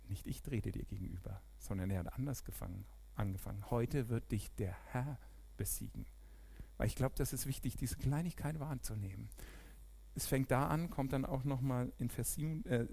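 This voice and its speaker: A man preaching a sermon in a church, animated, swinging from loud emphatic peaks to quiet, near-whispered asides. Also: on the low side, gravelly, husky.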